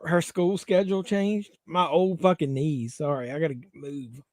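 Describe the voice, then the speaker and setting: A man's voice: a little high, fairly even intonation, moderate pace, dry recording. Joking man hosting a livestream. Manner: crude, joking banter with chat. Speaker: livestream host. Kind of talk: casual watch-along chat.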